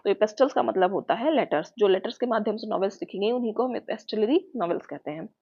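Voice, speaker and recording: Her voice is husky and warm, medium in pitch, and she talks fast and animatedly. The teacher, a woman with an Indian accent, patiently explains exam-prep material while checking in with students often, all captured in muffled lo-fi sound.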